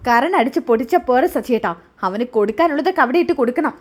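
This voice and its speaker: A woman's voice: high voice, lively intonation, racing. Curt, defiant young wife, a narrator puts her on. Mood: sulky, defiant. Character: sulky, sharp-tongued young married woman.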